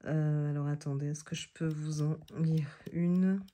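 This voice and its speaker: A woman's voice: sits low, steady tone, measured pace, warm tone. A woman chatting casually as she reviews tarot decks, often hesitating and restarting, and reading card texts aloud. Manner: hesitant, many fillers and restarts. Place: seated indoors on a creaky chair.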